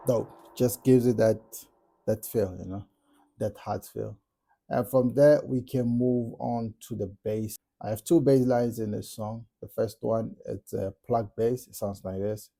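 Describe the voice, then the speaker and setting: A man with a South African accent talks through a beat he has made, in a low, gravelly and very dark voice. He explains each step in a relaxed, casual way while music plays faintly behind him. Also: unhurried. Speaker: music producer tutorial host. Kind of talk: casual production tutorial. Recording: music playing in the background.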